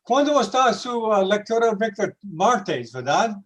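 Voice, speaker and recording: A man hosting a video call, halting and searching for words as he switches languages. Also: sits high, sing-song. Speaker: host. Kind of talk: casual video call chat.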